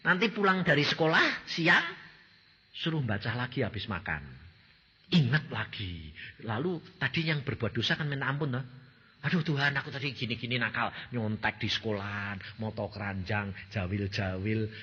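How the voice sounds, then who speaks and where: A man with a Javanese accent preaching a sermon as a pastor, animated and firing questions at the congregation. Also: medium pitch, normal speed, breathy edge, in a large hall, highs cut off.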